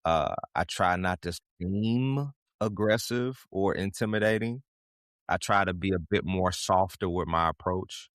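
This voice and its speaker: A man co-hosting a podcast, talking things through in a measured, reflective way and telling stories from his own life. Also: low-pitched, a bit bright, clean tone, no echo, clean studio sound. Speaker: podcast co-host. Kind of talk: casual conversation.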